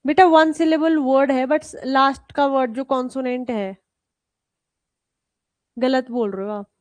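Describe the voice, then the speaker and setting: A woman teacher from India, speaking Indian English in a high-pitched, fairly even voice, gives a live grammar lesson a little slowly with no echo. She quizzes students, calls them "beta," spells out spelling rules, and mixes Hindi and English terms.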